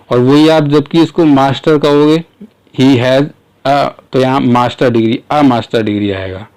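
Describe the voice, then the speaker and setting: A man explaining a grammar point in a casual lesson, asking rhetorical questions and sounding out words slowly. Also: on the high side, darkish tone, clean tone, poor audio. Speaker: English teacher.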